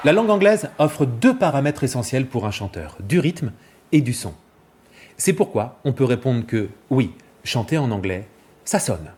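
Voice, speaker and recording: A male vocal coach giving a clear, didactic scripted explanation and demonstrating examples. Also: medium pitch, big pitch swings, moderate pace, a little mellow, a little hiss or hum.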